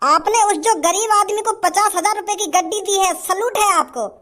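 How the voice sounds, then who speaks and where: A woman's voice: extremely high pitch, normal speed. Woman doing an eager, fawning TV reporter. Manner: eager, flattering. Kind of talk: cartoon comedy voice acting.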